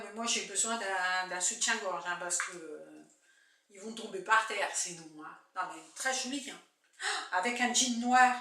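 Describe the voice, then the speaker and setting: A woman's voice: on the high side, pushed and bright. An older woman chatting casually to camera, exclaiming and musing aloud as she unpacks and shows clothes in a room at home. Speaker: YouTuber showing a clothing haul. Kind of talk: casual unboxing chat to camera. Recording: echoey room, distant mic, faint noise.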